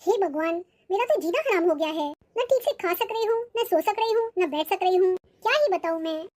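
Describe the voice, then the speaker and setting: A harried middle-aged mother-in-law in a cartoon, voiced by a woman. She complains and whines about being ordered around, in a very high, thin voice. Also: lively intonation, a little fast, darkish tone. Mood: grumbling. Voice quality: complaining, whiny. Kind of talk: cartoon voice acting.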